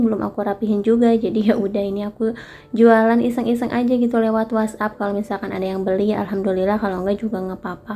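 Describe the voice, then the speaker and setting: A young woman talking casually through her home cooking, full of fillers, speaking in a kitchen. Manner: chatty, relaxed, many fillers and tag phrases. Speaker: vlogger. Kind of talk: casual cooking vlog narration. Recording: faint background noise and rumble.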